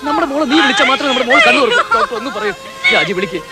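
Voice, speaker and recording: A man's voice: very high-pitched, wildly swooping pitch, rapid-fire, a loud crowd, heavily acted. An actor playing a frantic father who pleads with his wife, near tears, urgent and repeating names, in a film drama. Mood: pleading desperate. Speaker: father of a trapped girl.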